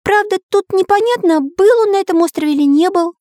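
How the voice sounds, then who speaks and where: A woman voicing an excitable young male artist in a children's audiobook, speaking high and eager. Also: fairly quick, no echo, studio quality, soft background music.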